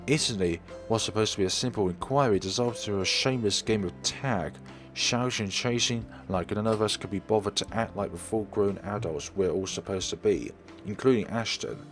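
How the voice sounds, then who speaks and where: Game music accompanies a man with a lowish voice who reads a visual novel aloud at a moderate pace. As a let's player, he delivers the text as dramatic storytelling narration.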